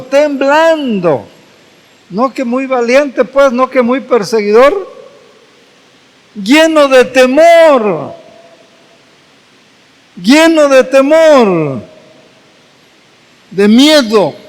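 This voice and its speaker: A man pastor preaching a sermon, retelling scripture slowly and dramatically with repeated phrases. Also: sits high. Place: church hall. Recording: echoey church hall.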